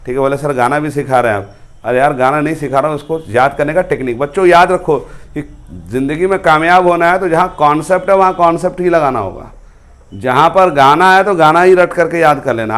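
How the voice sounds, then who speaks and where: A man teaching a chemistry class, playfully quizzing students and slowly chanting memory rhymes. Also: a little high. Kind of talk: classroom lecture with sung mnemonics.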